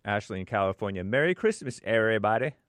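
A man's voice: lowish voice, animated, fast, a bit bright, no echo. A man co-hosting a show, reading viewer messages aloud in a plain, matter-of-fact way with small asides.

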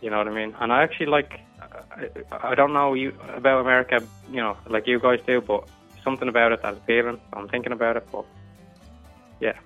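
A man's voice: medium pitch, fairly even intonation, a little fast, faint music behind. A man in his twenties calling in, hesitant and stammering through many restarts. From England. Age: 20s. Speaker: caller. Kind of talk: casual advice call. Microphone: phone. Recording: tinny phone line.

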